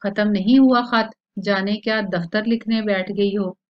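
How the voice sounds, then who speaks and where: A woman's voice: medium pitch, steady tone, unhurried, lightly acted. A woman reading the lines of a sick, irritable husband in a stage play, in a complaining, groaning way. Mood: exasperated. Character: ailing irritable husband, grown man. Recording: dull lo-fi recording.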